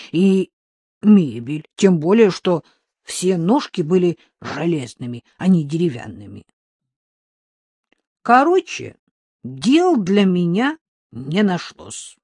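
Woman narrating slowly, dry and close. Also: lowish voice, a little mellow, breathy edge, no room sound. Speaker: audiobook narrator. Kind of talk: first-person storybook narration as a dog.

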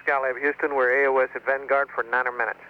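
A man as a mission control communicator on a space radio link, steady and procedural with many pauses. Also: medium pitch. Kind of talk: air-to-ground radio exchange. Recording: muffled radio with faint hiss.

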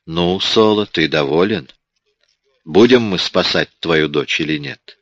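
Male narrator as a smug police detective, cool and mocking, low voice, dull recording. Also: expressive, unhurried, vocal fry, fairly bright tone, no echo, heavily acted.

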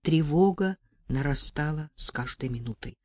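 A woman narrating a first-person audiobook in a calm, even reading voice. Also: low voice, moderate pace.

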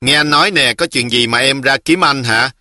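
A man's voice: medium pitch, normal speed, pushed and bright, no echo, studio quality. A man voicing a boastful, cocky village boy, teasing and breezy.

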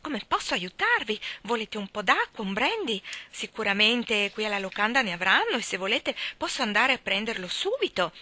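A woman's voice: mid-range voice, animated, brisk, pushed and bright, no room sound. A woman voicing a teasing, spiteful young gossip, speaking in a mocking, sing-song and gleeful way.

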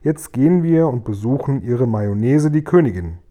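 A man voicing a kindly, huge male giant who talks loudly and excitedly, mixing up his words in a storybook reading. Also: medium pitch, moderate pace, natural voice. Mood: cheerful. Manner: loud and excitable, funny mixed-up words.

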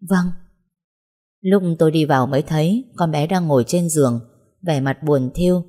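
A woman's voice: low-pitched, a little fast, warm tone. A woman narrating a first-person audio story in a tender, emotional storytelling manner.

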